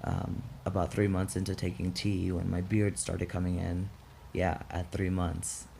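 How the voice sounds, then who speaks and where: A young man talking casually and candidly on a personal vlog, in a reflective, halting way with some gravel in his voice, recorded outdoors. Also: deep voice, level tone, dark tone, slight background noise. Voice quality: gravelly, throat-clearing. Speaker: vlog host. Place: outdoors in chilly morning air.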